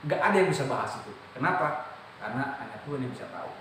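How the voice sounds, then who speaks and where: A man's voice: mid-range voice, expressive, fairly bright tone, a little hiss or hum. Echoey Indonesian man teaching Quran reading. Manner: explains slowly, often checks understanding, stretches out recited syllables. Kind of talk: classroom lesson. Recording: very echoey room from far off.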